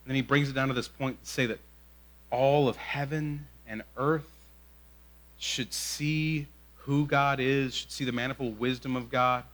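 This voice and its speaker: A young adult man preaching a sermon in a conversational way, often asking "right?", moving between quick asides and slow, drawn-out emphasis. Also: mid-range voice, steady tone, a bit bright. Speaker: pastor.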